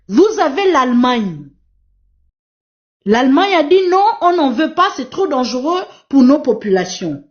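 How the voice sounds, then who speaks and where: A woman with a high voice, whose first language is Portuguese, exhorts a live audience as a live stream moderator and activist. Her impassioned panel talk is emphatic and repetitive. The live stream audio is dull and lo-fi.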